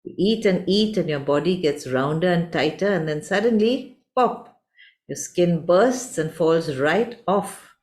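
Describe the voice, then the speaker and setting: A woman telling a gentle story for families, slowly and tenderly addressing the listener directly. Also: lowish voice. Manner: slow, warm, addressing the listener as you.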